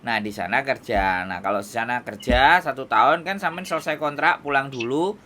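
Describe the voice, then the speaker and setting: A man's voice: medium pitch, a little fast, sharp tone. Firm, lecturing man with Javanese accent. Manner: firm, lecturing, asks if understood. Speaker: advisor to migrant workers. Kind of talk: advice over a phone call.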